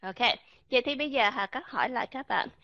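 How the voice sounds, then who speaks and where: A woman's voice: sits high, fast talker, dry recording, highs cut off. A woman teaching English pronunciation, demonstrating vowel sounds and asking her listeners questions. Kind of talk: pronunciation lesson.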